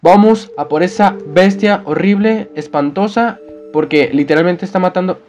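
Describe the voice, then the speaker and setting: A man's voice: high voice, moderate pace, darkish tone, muffled recording. A young man giving Let's Play commentary as he plays a game, chatting with viewers and yelping and screaming whenever he gets scared. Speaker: gaming youtuber.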